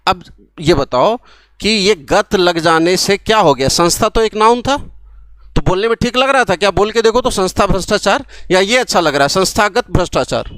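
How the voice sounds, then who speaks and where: Guy teaching grammar to camera, fairly high voice, dry close sound, keeps asking then answering. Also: a bit bright, no echo. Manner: explains by asking questions and answering them. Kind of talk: classroom lecture to camera. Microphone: camera mic, recorded for an app course.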